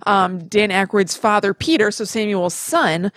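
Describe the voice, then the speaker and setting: A woman co-hosting a podcast tells stories casually and chattily, correcting herself as she goes. Her mid-range voice is fairly bright, her pace measured, and there's no echo.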